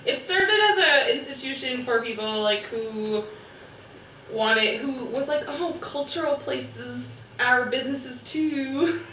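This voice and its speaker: A woman rambling through a mock-history account in a meandering, halting way, restarting her sentences. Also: high-pitched, fairly bright tone, recorded from a distance, a little hiss or hum. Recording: roomy, off-mic.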